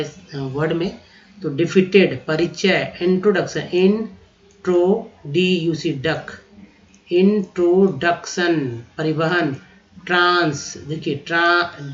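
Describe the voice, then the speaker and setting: A man's voice: a little high, a bit bright. A man teaching vocabulary to his viewers in a chatty lesson, spelling words out letter by letter and breaking them into syllables. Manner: chatty, addresses viewers as friends. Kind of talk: explanatory spoken lesson. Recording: roomy, dull lo-fi recording.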